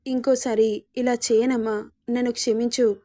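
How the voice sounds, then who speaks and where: Storybook role: a sorry young son begging forgiveness, voiced by a woman, light pitch. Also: little pitch movement, normal speed, warm tone, natural voice. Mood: remorseful. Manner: pleading, apologetic. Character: remorseful young man, tearful son.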